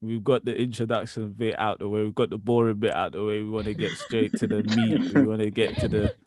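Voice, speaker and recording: A man in his twenties hosting a casual podcast chat, relaxed and easygoing, with frequent ums. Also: fairly low pitch, a little fast, no room sound. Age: 20s. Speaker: podcast host.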